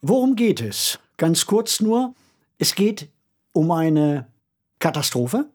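This male co-host and author is discussing a radio play conversationally, with an emphatic, reflective storytelling manner. He speaks slowly in a somewhat high, slightly mellow voice whose pitch swings widely.

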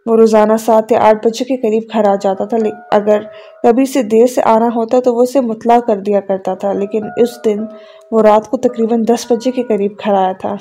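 A woman reading a novel aloud in a measured, dramatic storytelling way. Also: fairly high pitch, fairly even intonation. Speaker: novel reader. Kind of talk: scripted narration. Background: soft background music.

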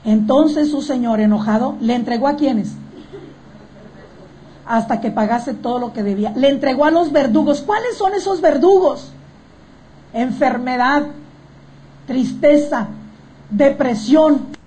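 High-voiced woman preaching. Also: a little slow, pauses often, dark tone, slight background noise. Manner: emphatic, asks the congregation rhetorical questions. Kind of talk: sermon.

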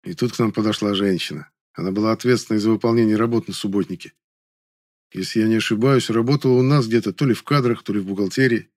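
A man's voice: lowish voice, fast talker, a little mellow, dry recording. A man reading an audiobook with dry, ironic storytelling. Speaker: narrator. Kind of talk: audiobook narration.

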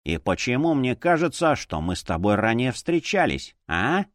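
A smug, villainous alchemist, played by a male reader, pitched below the narrator's own voice. He grumbles and drawls his lines slowly, with a dry, close sound. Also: big pitch swings, dry recording, natural voice. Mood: sly, grumbling. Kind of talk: audiobook character voice.

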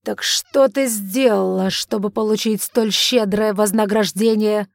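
A woman voicing a stern, furious middle-aged father who accuses and shouts at his daughter in an audiobook. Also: medium pitch, steady tone, moderate pace, no echo, clean studio sound, natural voice. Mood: shouting.

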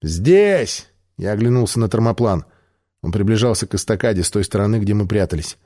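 Man reading an audiobook, measured. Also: on the low side, steady tone, warm tone. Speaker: audiobook narrator. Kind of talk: scripted first-person narration.

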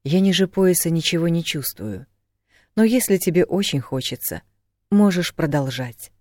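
Audiobook werewolf, wry and gentle, low-key, dry close read, a man doing him. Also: lively intonation, normal speed, dry recording, close to an everyday voice. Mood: calm. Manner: dry, self-mocking, soft. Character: calm adult male werewolf, wry and gentle. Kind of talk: audiobook reading.

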